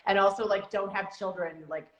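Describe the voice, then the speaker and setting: A woman's voice: mid-range voice, fairly even intonation, normal speed, a bit bright, highs cut off. A woman in her thirties from Canada, an actress chatting casually as an interview guest over a video call, with lots of restarts and fillers. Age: 30s. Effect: heard over a video call. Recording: echoey video call audio.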